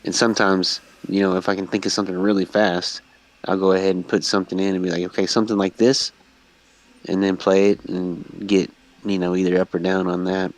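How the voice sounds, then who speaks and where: Male guest, low flat delivery, hesitant, lots of ums. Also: fairly quick, rough recording. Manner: hesitant, soft-spoken, many fillers. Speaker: guest beatmaker. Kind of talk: casual chat.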